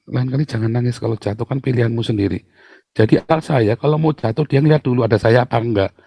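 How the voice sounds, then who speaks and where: A middle-aged man preaching a sermon to his church, animated and full of playful mock voices and sound effects. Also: breathy edge, dry recording. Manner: animated, jumps to high mocking tones and sound effects. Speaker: pastor.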